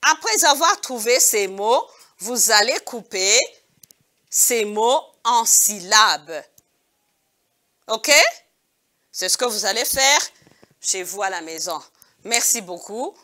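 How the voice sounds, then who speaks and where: A woman's voice: medium pitch, expressive, slow pace, pauses often, pushed and bright. A woman teaching kindergarten pupils in a recorded video lesson, speaking patiently and saying each word twice. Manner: addresses pupils as "mes amis".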